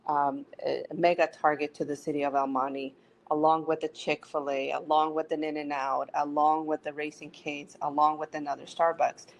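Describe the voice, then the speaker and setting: Low, gravelly-voiced woman from Mexico. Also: flat delivery, normal speed, rough recording. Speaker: city manager. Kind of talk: podcast interview.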